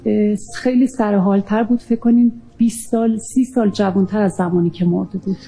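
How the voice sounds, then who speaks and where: A woman recounting a near-death experience in an earnest, halting way, often pausing with fillers. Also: medium pitch, fairly even intonation, warm tone, faint music behind. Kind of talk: emotional personal testimony.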